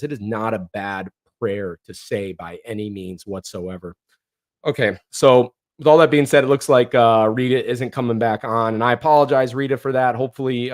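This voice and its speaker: A livestream host from northeastern Ohio chats casually and reads viewer comments aloud in a hoarse, worn, mid-pitched voice. His talk rambles, with frequent restarts and lots of ums and uhs filling the gaps.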